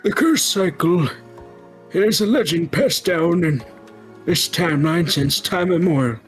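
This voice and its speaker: A woman's voice: fairly low pitch, animated, faint music behind. A woman voicing a forgetful, meandering old man while reading a game's dialogue aloud. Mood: rambling. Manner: slow, meandering storyteller. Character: rambling forgetful old man, elderly sage.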